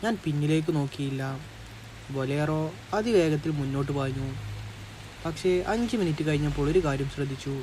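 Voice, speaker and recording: A man narrating a first-person horror story in a slow, suspenseful, dramatic manner. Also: on the high side, a little mellow, a little hiss or hum, low-quality recording.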